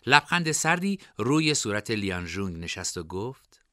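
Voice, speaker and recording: A man narrating a scripted storybook in an expressive reading style. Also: on the low side, no room sound, studio quality.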